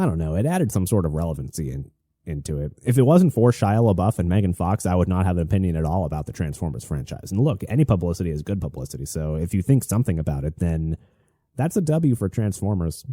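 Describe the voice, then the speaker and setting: A man hosting his own online show in a casual, confessional monologue, halting and interrupting himself, with a slightly stuffy voice. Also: deep voice, sing-song, warm tone, dry recording, studio quality. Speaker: host of a solo online show.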